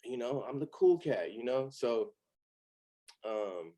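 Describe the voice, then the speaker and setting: A man's voice: mid-range voice, lively intonation, takes it slowly, dark tone. A man from Los Angeles in his thirties, a podcast guest talking candidly in a loose, rambling way with many fillers. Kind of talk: casual chat.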